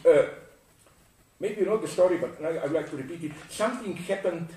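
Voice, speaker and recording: A man's voice: a little high, a little fast, darkish tone, slight background noise. A man from Slovenia giving a philosophical lecture, digressive and self-interrupting with frequent asides. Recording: echoey room from far off.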